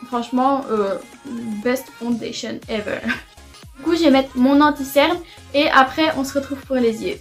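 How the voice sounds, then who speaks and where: A young woman casually chatting through a makeup try-on at home, enthusiastic and full of fillers. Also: on the high side. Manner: chatty, enthusiastic, repeats "franchement" often. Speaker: beauty vlogger. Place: home room near a window.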